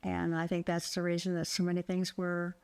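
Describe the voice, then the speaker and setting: A woman with a slightly low voice answers questions as a local interviewee. Her delivery is casual and conversational. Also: completely flat delivery, brisk, vocal fry, a little mellow, clear, resonant tone.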